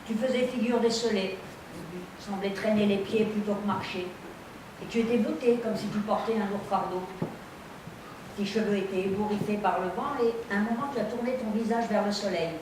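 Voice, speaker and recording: An actress playing a dry, precise woman who speaks with deadpan, formal wit. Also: medium pitch, a little fast, close to an everyday voice. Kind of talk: stage comedy scene. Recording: distant mic in an echoey theatre, audience noise.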